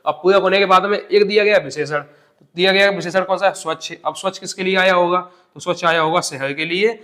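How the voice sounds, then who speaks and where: A man's voice: high voice, fairly even intonation, a little fast, bright, forceful tone. Man teaching a grammar lesson. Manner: explains step by step, asks questions then answers them himself. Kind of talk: exam-prep grammar lesson.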